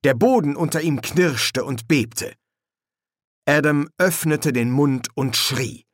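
Male narrator, slow and lively in pitch, dry close recording. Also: no echo. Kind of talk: audiobook reading.

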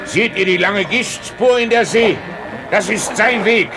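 Captain Ahab, high-voiced, obsessed whaling captain. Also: male voice, a little slow, over music. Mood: feverishly excited. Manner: imperious, barking orders. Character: obsessed, commanding male whaling ship captain. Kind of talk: dramatised audio play acting.

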